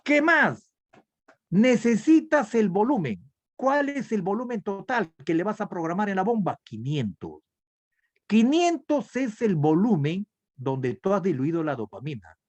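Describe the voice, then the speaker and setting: A man's voice: high voice, very animated, a little slow. A man with a Peruvian Spanish accent teaching an online nursing class over a video call, working through a calculation step by step and asking questions that he then answers himself. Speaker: nursing instructor.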